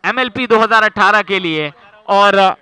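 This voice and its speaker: A man delivers excited cricket commentary in a high, bright voice. He is dramatic and builds suspense, speaking crisply and close to the mic. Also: a little slow, no room sound, low-quality recording.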